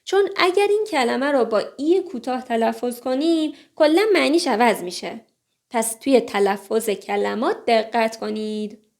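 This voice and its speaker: A woman whose first language is Persian, teaching English phrases, saying each one slowly and explaining the rest briskly. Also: on the high side, gravelly, a little mellow. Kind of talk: language lesson.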